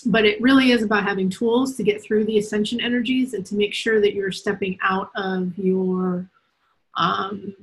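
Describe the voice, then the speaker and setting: A woman's voice: mid-range voice, rough recording. A woman hosting a live spiritual Q&A reading over a video call. She talks casually and giggles easily, checking in with "right?" and "okay?" all the time. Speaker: spiritual reader and host.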